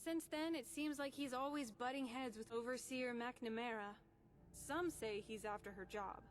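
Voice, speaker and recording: A woman's voice: on the high side, moderate pace, lightly acted. A woman playing a friendly, chatty vault resident in video game dialogue. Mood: gossipy.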